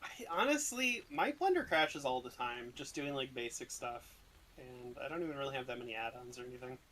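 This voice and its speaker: A man chatting casually and a bit sarcastically while working in 3D software with others. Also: medium pitch, lively intonation, fairly quick, slight background noise, rough recording. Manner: loose, offhand and a bit sarcastic. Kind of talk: casual chat among people sculpting in Blender.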